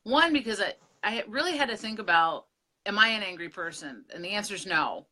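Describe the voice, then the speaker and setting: Candid middle-aged woman with a bright voice. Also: medium pitch, a little fast. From Pennsylvania, USA. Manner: candid, animated storytelling with laughs. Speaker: co-host. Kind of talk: casual conversation.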